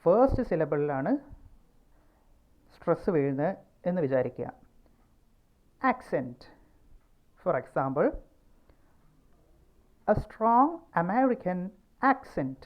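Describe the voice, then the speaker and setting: A woman with a Malayali accent teaches pronunciation at an unhurried, careful pace, her voice sitting on the lower side. She says words over and over to show where the stress falls. The recording sounds dull and lo-fi. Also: very animated. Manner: slow and deliberate, repeating words to show stress. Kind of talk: pronunciation lesson.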